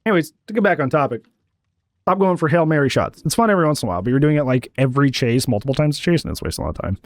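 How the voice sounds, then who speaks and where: A man's voice: fairly high pitch, expressive, racing, no room sound. A man giving blunt, sarcastic, chatty commentary as he reviews a player's match from home.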